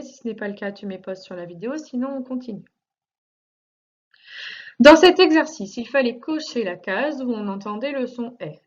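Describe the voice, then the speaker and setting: A woman teaching a recorded lesson for young children, speaking slowly with carefully articulated, stretched-out words, patient and reassuring as she addresses one child directly. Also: a little high, muffled recording. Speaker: primary school teacher.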